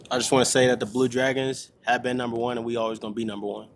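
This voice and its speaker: Fast-talking young player in post-game interview. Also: male voice, mid-range voice, steady tone, slight background noise. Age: young adult. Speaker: college football player.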